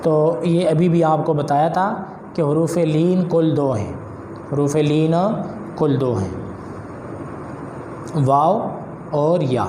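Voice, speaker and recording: A man with a Pakistani Urdu accent teaching children to read Quran letters, patiently explaining by question and answer and slowly chanting each letter sound. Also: on the high side, noisy background. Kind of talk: recorded lesson for children. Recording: echoey room with long reverb.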